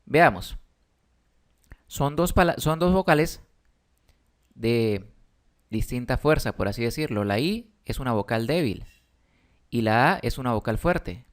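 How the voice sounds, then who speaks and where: Man, slow deliberate lesson pace, patient and emphatic, teacher. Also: medium pitch, expressive. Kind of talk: spelling and accent lesson.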